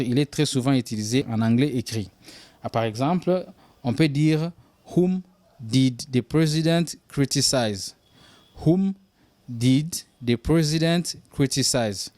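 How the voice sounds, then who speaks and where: A man giving a language lesson, slowly repeating each example phrase with care. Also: mid-range voice, a little mellow, dry recording. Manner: slow, careful repetition of example phrases. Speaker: English teacher.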